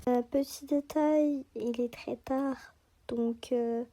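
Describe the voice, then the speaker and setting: Give me a high-pitched woman streaming a game, murmuring her comments softly. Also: fairly even intonation, slow pace. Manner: drops to a soft whisper in late-night asides. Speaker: game streamer reading all the dialogue aloud. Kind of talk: casual gameplay commentary and dialogue reading.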